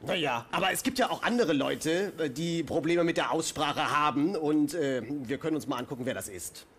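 A man's voice: a little high, normal speed, breathy edge. A man voicing a lovestruck, scruffy puppet talk show host with a gushing, fawning manner. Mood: coy flirting. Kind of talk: comic talk show hosting. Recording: loud audience noise.

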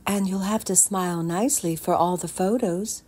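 A woman voicing a patient, gently firm mother in a read-aloud picture book, calm and measured. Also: lowish voice, breathy edge, pitched above the performer's own voice. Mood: gentle firm. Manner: calm, measured, kindly insistent.

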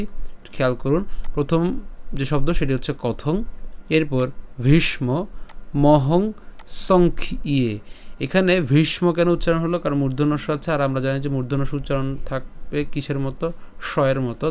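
Male recitation teacher, mid-pitched, clear, resonant, talks through each syllable, then chants the verse slowly. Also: a little mellow. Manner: slow, drawn-out chanting of verse syllables between explanations; asks and answers his own questions. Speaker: teacher of scripture pronunciation. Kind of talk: step-by-step recitation lesson.

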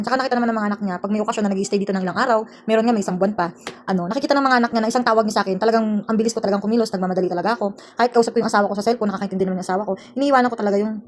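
Rapid-talking Filipina vlogger, aggrieved. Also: female voice, medium pitch, a little hiss or hum. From Philippines. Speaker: overseas domestic worker. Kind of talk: casual storytelling vlog. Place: employer's house indoors.

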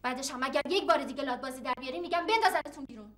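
An actress playing a firm, compassionate hospital nurse who speaks with stern authority. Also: female voice, high voice, fairly bright tone.

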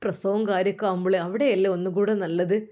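A woman voicing a calm, kindly older father with a Malabar Malayalam accent, coaxing patiently. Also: mid-range voice, quick pace, close to an everyday voice.

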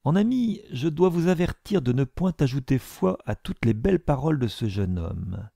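A man's voice: mid-range voice, big pitch swings, moderate pace, gravelly, warm tone, no room sound, studio quality, voice pushed up. A man voicing a haughty, scornful young society lady who speaks with polite disdain. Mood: disdainful.

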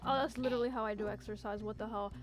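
A woman VTuber streams games and chats casually with viewers, teasing them and reacting to their messages with playful, theatrical emphasis. Her voice is on the high side with a steady tone, and she talks rapid-fire over soft background music.

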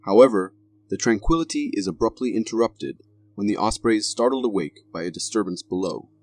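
Husky low-voiced male narrator. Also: lively intonation, a little fast, darkish tone. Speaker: narrator of a viral video compilation. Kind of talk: scripted narration.

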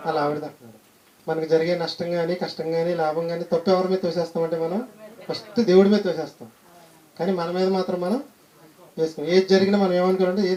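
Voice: mid-range voice, mellow. A preacher giving a short sermon who tells a story and asks the listeners questions. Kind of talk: sermon with a humorous anecdote. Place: church gathering.

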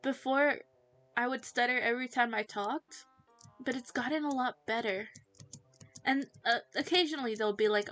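A teenage girl chats to viewers while she plays a game on stream, giggly, quick to laugh and prone to distracting herself. Her voice is mid-range and a bit bright.

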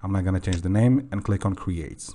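A young man hosting a software screen tutorial in a casual voice-over, often pausing with "okay" and correcting himself. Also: deep voice, a little hiss or hum. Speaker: tutorial host.

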